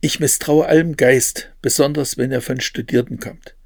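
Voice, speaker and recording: A man's voice: mid-range voice, fairly even intonation, moderate pace, gravelly, no echo, studio quality. Man reading as a scornful rebellious teenage boy.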